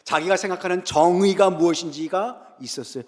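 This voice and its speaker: A male pastor preaching a sermon in a church sanctuary. He retells Bible scenes in a lively way, asking the congregation questions and answering them himself. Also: high-pitched, fairly quick. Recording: long reverb in a large sanctuary.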